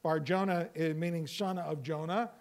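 High-voiced man teaching Bible verses. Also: fairly even intonation, moderate pace. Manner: bursts into loud exclamations; explanatory, repeats key phrases.

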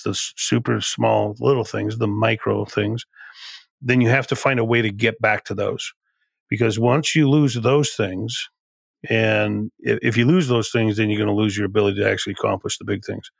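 A company CEO guests on a podcast, explaining leadership emphatically and often repeating and restarting his phrases. His voice is lowish with vocal fry, and there's no echo in this conversational interview.

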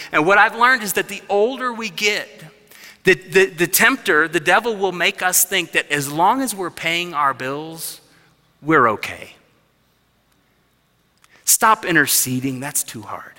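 A man in his thirties preaching a sermon as pastor, passionate, dropping to a hush and then rising loud. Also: a little high. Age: 30s. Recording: reverberant hall.

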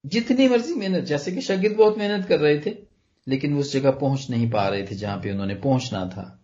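A man preaching a sermon with earnest conviction, his voice rising and falling between loud and hushed as he calls his listeners dear ones. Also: on the high side, lively intonation, dull audio. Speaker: pastor.

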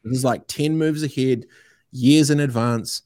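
Slangy Kiwi man with a lower voice. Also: steady tone, unhurried, a little mellow, no room sound. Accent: New Zealand. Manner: slangy, sweary, emphatic. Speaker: podcast guest. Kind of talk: casual opinionated conversation.

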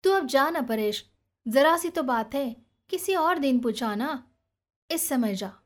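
A proud, restrained young mistress of a house, read aloud by a woman narrator. She speaks curtly and sharply, and her voice sits fairly high. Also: animated, takes it slowly. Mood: flustered. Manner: curt and sharp.

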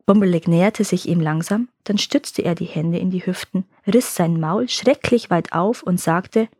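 A woman reading a fairy tale aloud in a calm, lively storytelling manner that slows for suspense. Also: lowish voice, slightly rough, no echo, studio quality.

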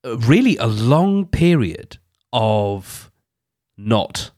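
Sounding stuffed up and nasal with a cold, this podcast host and producer chats alone in a mid-range, slightly mellow voice, very animated and stretching out his words. He rambles a little and keeps correcting himself. It's a dry, studio-quality recording.

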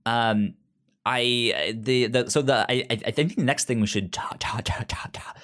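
Here a young co-host chats casually about reviews on a podcast in a mid-range, fairly bright voice at moderate speed. Heavy stuttering runs through his speech as he restarts words often.

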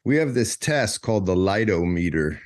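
A man hosting a podcast in casual interview chat, talking in a halting way as he thinks aloud. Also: deep voice, big pitch swings, a little mellow. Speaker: podcast host.

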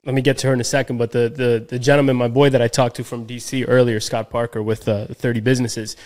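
A man's voice: mid-range voice, little pitch movement, fast, a little mellow. A man co-hosting a podcast in casual chat, talking loosely with slang and frequent restarts. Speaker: podcast co-host.

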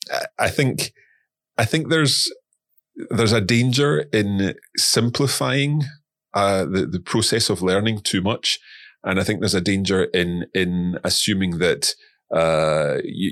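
Slow and low-pitched with a fairly bright tone, this man, a language course creator, speaks casually as a podcast guest, often repeating words as he looks for them. The recording is dry and the studio sound clean.

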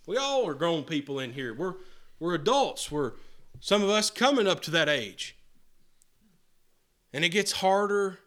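A man preaching a sermon to a congregation. He talks earnestly, repeats and restarts phrases, and swings between loud and soft. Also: on the high side, very animated, unhurried. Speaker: pastor. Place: church hall with a congregation answering.

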